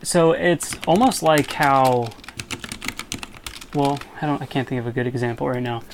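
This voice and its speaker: A man's voice: mid-range voice, normal speed, slight background noise. A young man chatting casually as a podcast co-host, eager and often trailing off mid-thought. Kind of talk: casual chat.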